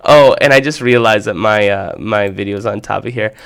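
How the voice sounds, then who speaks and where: A man hosting a children's show, playfully and excitedly reacting to clips that viewers sent in. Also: on the low side, fairly quick, creaky, clean tone. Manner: animated and playful, exclaiming often.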